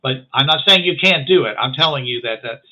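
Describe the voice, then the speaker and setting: A man at a middle pitch narrates a tabletop game as its game master, stumbling and restarting often. His voice comes through a thin, phone-like line. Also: lively intonation, bright, forceful tone. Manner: halting, full of restarts and fillers. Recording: phone-like online call.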